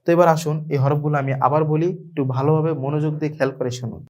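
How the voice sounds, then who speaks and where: A man's voice: a little high, fairly even intonation, rapid-fire, a little mellow. A man with a Bangladeshi Bengali accent teaching an online Quran reading lesson, patiently repeating letters and words for learners to echo.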